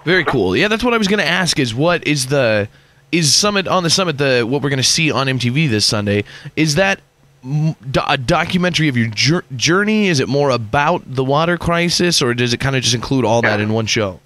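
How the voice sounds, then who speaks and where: A man's voice: medium pitch, animated, a little fast, fairly bright tone, no room sound. A man hosting a radio show, asking guests questions in a casual, stumbling way. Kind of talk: radio interview.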